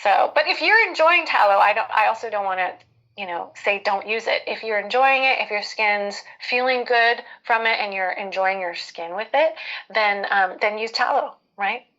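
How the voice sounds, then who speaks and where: A woman's voice: medium pitch, normal speed, bright, forceful tone, muffled recording. A woman hosting a casual live skincare Q&A, giving advice in a conversational, hesitant way as she thinks aloud.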